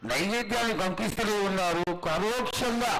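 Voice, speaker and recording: A man. He talks formally and deferentially, as in a reverent ceremony. There is clear noise behind him. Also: high-pitched, fairly quick. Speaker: ritual questioner addressing the oracle. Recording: loud background noise.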